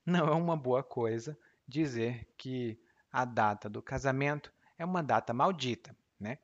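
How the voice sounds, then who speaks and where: A man's voice: mid-range voice, moderate pace, dull audio. A man with a Brazilian Portuguese accent hosting a podcast language lesson, patiently explaining words with examples. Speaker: language teacher and podcast host.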